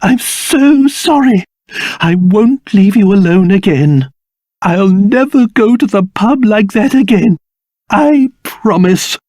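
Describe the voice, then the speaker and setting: A man voicing an elderly, cursed little monster king in a video game, pompous, excitable and theatrical, with old-fashioned, blustering wording and a doting father's temper. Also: sits high, slow pace, no room sound, clean studio sound. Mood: sorrowful, remorseful.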